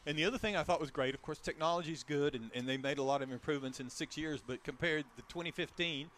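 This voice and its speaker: A man's voice: a little high, quick pace, a bit bright, slight background noise. A man hosting a casual car talk show, chatting in a rambling way with restarts about a vehicle he drove.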